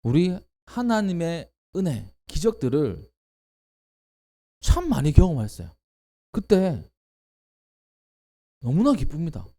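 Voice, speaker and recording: Lively, mellow-voiced male preacher. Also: fairly high pitch, takes it slowly, long pauses. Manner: expressive, emphatic preaching with rising exclamations. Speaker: pastor. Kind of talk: sermon.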